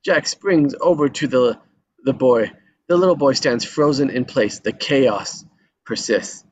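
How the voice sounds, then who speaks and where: In an unhurried, mid-range voice, a man reads a screenplay's action lines at a table read, sometimes tripping and repeating words. The lo-fi audio is dull and has background noise.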